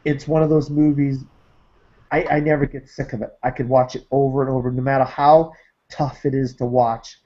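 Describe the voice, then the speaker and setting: With a warm, medium-pitched voice and flat delivery at normal speed, a Massachusetts man wraps up his casual movie podcast panel. He sounds enthusiastic yet leans on lots of ums and uhs, and the online call audio is dull.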